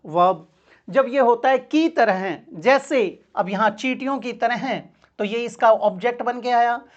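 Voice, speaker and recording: A woman's voice: fairly high pitch, dull audio. A woman teaching an English grammar lesson for exam preparation, asking her class questions and answering them herself, calling her students "beta".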